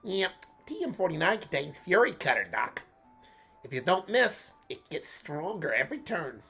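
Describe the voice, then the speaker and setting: A man's voice: on the high side, big pitch swings, normal speed, bright, forceful tone, soft background music, exaggerated voice. A congested man voicing a boy gym leader in a cartoon rabbit drawl from a video game, calling the player "Doc". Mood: smug, cheery. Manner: Bugs Bunny-style cartoon voice, calls everyone Doc.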